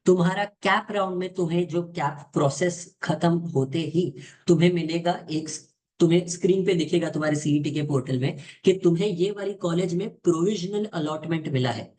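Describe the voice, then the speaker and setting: A man's voice: on the high side, fairly quick, a little mellow. A young man, giving an informal, direct lesson to viewers and switching between Hindi and as he explains. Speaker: exam coaching tutor.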